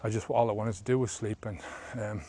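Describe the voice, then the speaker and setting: A man's voice: on the low side, fairly even intonation, brisk, dark tone, slight background noise. A man of about fifty, a sobriety coach, talking casually in a vlog while walking an outdoor trail, rambling with many fillers, filmed on a handheld camera at arm's length.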